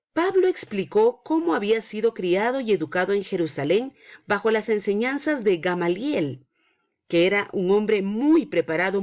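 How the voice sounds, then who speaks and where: A woman's voice: mid-range voice, a little mellow, dull audio. Woman teaching a children's Bible lesson. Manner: prays then narrates a Bible story to children. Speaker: Sunday school teacher.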